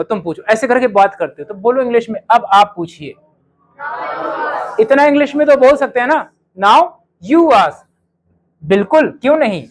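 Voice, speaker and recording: A male teacher gives a spoken English lesson to his students. He slows right down to say each sample sentence with care. He keeps quizzing the class with rhetorical questions. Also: very high-pitched, rough recording. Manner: says English model sentences slowly and clearly, then quizzes students.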